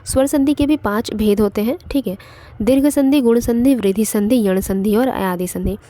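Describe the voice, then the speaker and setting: Woman teaching grammar, high mellow voice. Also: normal speed, no room sound. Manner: explanatory, repeats points, frequent fillers and checks "ठीक है". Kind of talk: online exam-prep lecture.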